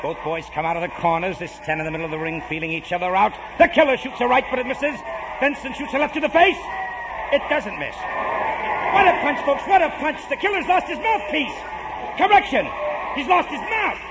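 An actor playing an excitable ringside fight announcer in a 1940s radio comedy sketch, calling punches with shouted play-by-play. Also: male voice, very high-pitched, a little fast. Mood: excited. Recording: lo-fi old radio broadcast with loud crowd and noise.

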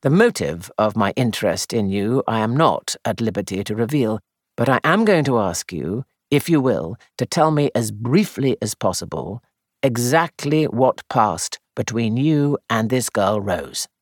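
A reader voicing a discreet, courteous gentleman offering help in formal, measured speech. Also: mid-range voice, very animated, no room sound, clean studio sound. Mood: earnest.

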